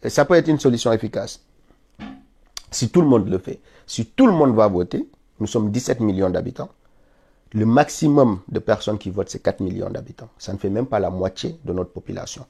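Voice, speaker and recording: A man from Senegal, stuffed up with a cold, delivers an insistent political monologue on a live stream, reaching indignant peaks. His voice sits on the low side, a little fast and lively in intonation, creaky and mellow with a breathy edge.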